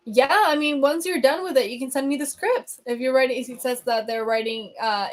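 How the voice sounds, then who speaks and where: A young Venezuelan woman, a native Spanish speaker with a fairly high pitch, hosts a livestream and answers comments in casual chat. She's chatty and laughs often, with lots of ums and restarts.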